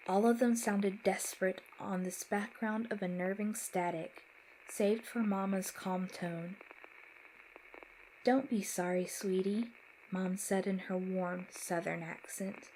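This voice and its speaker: Slow, measured woman narrating a horror story. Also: mid-range voice, a little mellow, a little hiss or hum, poor audio.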